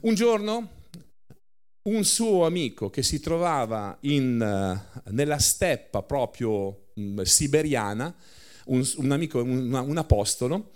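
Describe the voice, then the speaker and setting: A male preacher in the middle of a sermon, voice at an ordinary middle pitch. He tells his story with animation and acts out what the people in it say. Short laughs slip in between his lines. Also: expressive, slow, a little mellow, smooth.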